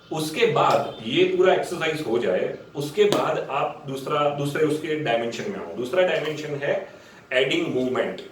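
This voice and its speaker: A man teaching acting in a casual instructional talk, explaining step by step and sometimes stretching words out slowly to demonstrate. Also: mid-range voice. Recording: very echoey room, distant mic, faint noise.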